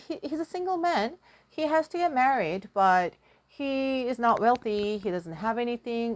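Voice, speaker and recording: A Korean language teacher tells stories as a casual lesson, chatty and self-deprecating, often thinking aloud. Her voice is medium-pitched, with no echo in the recording.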